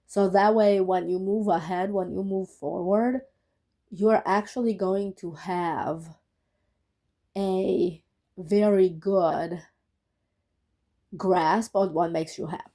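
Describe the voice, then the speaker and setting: A woman's voice: mid-range voice, fairly even intonation, slow pace, long pauses, mellow, low-quality recording. Sick woman giving a chatty tarot reading. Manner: chatty, keeps checking in with "okay?". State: sick, rough voice. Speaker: tarot reader. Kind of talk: casual tarot reading to viewers.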